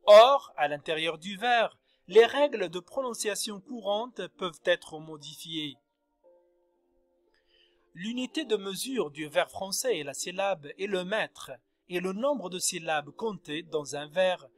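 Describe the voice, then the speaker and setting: A man's voice: sits high, expressive, unhurried, soft background music. A man teaching a lesson on verse and syllable counting, spelling out letters one at a time. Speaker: French literature teacher. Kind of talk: slow spoken lecture on verse.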